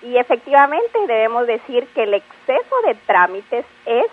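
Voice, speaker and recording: A woman patiently explaining word usage on a radio language segment, spelling out examples slowly. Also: on the high side, very animated. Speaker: language expert guest. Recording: phone-like radio line.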